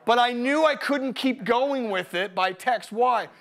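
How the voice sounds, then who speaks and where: High-voiced, lively male pastor. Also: measured pace, gravelly. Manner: energetic, joking, repeats key phrases. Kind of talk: live sermon with personal stories. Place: church service.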